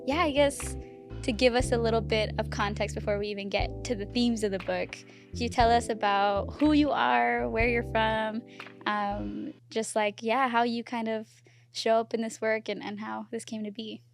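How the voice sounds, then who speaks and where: Over soft background music, a podcast host speaks at normal speed in a high-ish voice with fairly even intonation. She opens by reading a script, then shifts to a relaxed, filler-laden conversation with her guest.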